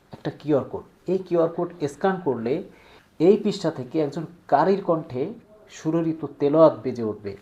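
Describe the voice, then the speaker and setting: A man demonstrating a product step by step, slowly drawing out example words. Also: fairly high pitch, warm tone, highs cut off.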